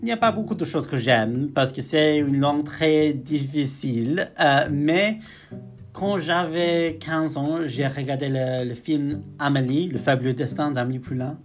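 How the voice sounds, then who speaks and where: A man's voice: fairly high pitch, measured pace, faint music behind. A young man from northwest England with an English accent, co-hosting a podcast in careful learner French, joking and often correcting himself. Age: young adult. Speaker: podcast co-host. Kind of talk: casual chat in learner French.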